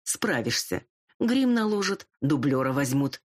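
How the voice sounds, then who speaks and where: A woman's voice: low voice, moderate pace, slightly rough. A woman reading the part of an older, domineering dragon mother who gives orders and scolds. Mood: commanding. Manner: commanding, scolding.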